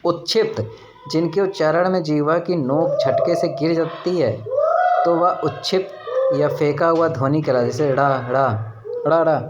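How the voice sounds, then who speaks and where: A male teacher giving an online exam-prep lesson on grammar. He explains slowly, sounds out syllables to demonstrate them, and keeps checking in with "right?". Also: a little high, lo-fi sound, heavy background noise. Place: rented room with children shouting nearby.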